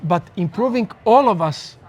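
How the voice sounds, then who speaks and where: A man's voice: sits high, lively intonation, moderate pace, darkish tone. A man with a Greek accent, a neuroscientist guest speaking in an earnest, reflective way in a casual podcast conversation. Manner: earnest, reflective, explains with examples.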